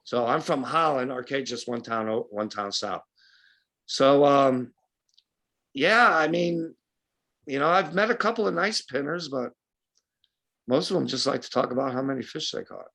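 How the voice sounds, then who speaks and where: A man from western New York holding forth in casual club talk, a fishing guide with a blunt, folksy, opinionated way of putting things. His voice sits at an ordinary middle pitch. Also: normal speed, creaky, long pauses, a bit bright. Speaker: guest speaker, fishing guide.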